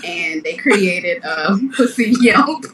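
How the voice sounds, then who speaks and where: A woman's voice: fairly low pitch, expressive, slow. A woman co-hosting a podcast, chatting in a laid-back, matter-of-fact way. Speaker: podcast co-host. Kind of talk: casual chat. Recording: echoey distant mic with background noise.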